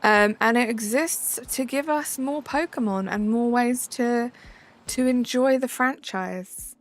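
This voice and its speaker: On a relaxed live stream, a young woman with a Southern English accent reads comments and replies to viewers, chatty and full of fillers such as "um" and "like." She speaks slowly, her voice on the high side.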